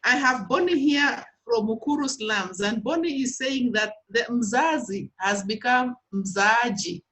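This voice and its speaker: A woman's voice: on the high side, measured pace, poor audio. A woman moderating a webinar Q and A, reading out questions and encouraging the speakers. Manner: warm, encouraging, reads out questions. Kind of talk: hosting a Q and A session.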